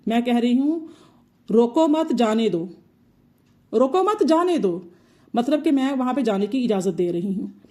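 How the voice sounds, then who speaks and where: A woman's voice: fairly high pitch, warm tone. Patient woman teaching Quran recitation. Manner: patient, repeats points slowly. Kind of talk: explanatory tajweed lesson.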